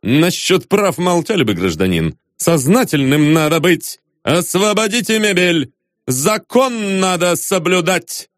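A man's voice: sits high, huge pitch swings, unhurried, no room sound, clean studio sound, pitched above the performer's own voice, heavily acted. Man doing a curt, commanding con man. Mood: stern. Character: stern, brash male con man.

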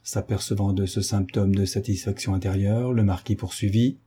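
A man narrating a classic novel as an audiobook, in a measured storytelling manner. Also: fairly low pitch, steady tone, warm tone, slightly rough.

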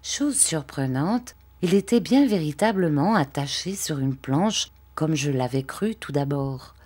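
A woman narrating a literary audiobook, reading in a measured, expressive way. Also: low-pitched, breathy edge.

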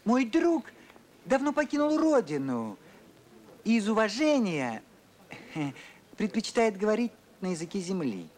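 A man's voice: high voice, sing-song, a little slow, long pauses, a little mellow. A man playing a brash villain who poses as an old man in a film, exclamatory and over-familiar. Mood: nervous bluffing. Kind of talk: film acting.

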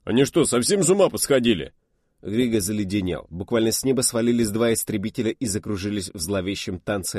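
A man with a voice on the low side narrates an audiobook from a script in a steady, even storytelling manner. The recording is dry, with clean studio sound.

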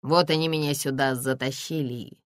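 A sullen young man, as a woman narrator puts him on, plaintive and gloomy. The voice is low and dry, close to the mic. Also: fairly even intonation, a little fast, no room sound. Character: sullen young man, pleading then stubborn.

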